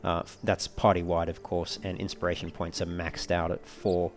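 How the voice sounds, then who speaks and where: With a low-pitched, level tone, a man provides casual let's play commentary as a walkthrough host. He lays things out in a wordy, measured, slightly formal manner.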